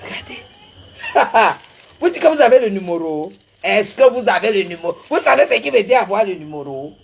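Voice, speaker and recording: A woman's voice: medium pitch, big pitch swings, brisk, creaky, a little hiss or hum. A woman, effusively showing off gifts in a vlog and repeating her exclamations. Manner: effusive, repetitive, laughing exclamations. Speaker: social media personality. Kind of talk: excited unboxing vlog.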